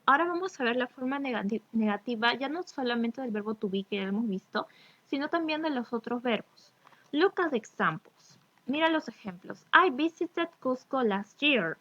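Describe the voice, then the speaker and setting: Patient teacher, slow careful examples. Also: female voice, a little high, a bit bright, no room sound. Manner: reads English examples slowly and carefully, then explains in Spanish; checks often with "¿ok?" and "¿ya?". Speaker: English teacher; addresses students as chicos. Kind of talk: recorded remote lesson explaining grammar. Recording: dry, slightly dull recording.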